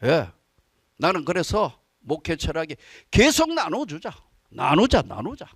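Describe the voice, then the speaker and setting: Man preaching a sermon, animated storytelling, high voice, dry close sound. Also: measured pace, slightly rough, dry recording. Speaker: pastor. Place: church service.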